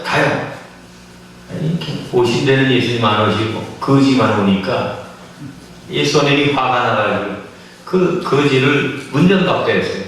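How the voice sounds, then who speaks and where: A man's voice: on the high side, recorded from a distance, slight background noise. A male pastor preaching a Christmas sermon in a church, emphatic and full of rhetorical questions to the congregation. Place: church sanctuary. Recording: echoey church hall from afar.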